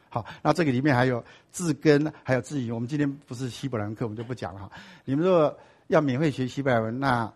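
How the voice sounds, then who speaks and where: A man teaching a sermon-style Bible class. He keeps asking the class rhetorical questions and drops in English and Hebrew words. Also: mid-range voice.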